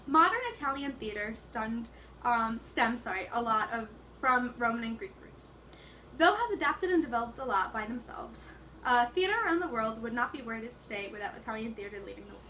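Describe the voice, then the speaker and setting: A woman's voice: on the high side, sharp tone, a little hiss or hum. A young woman giving a casual, hesitant class presentation, with many fillers. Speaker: student presenter.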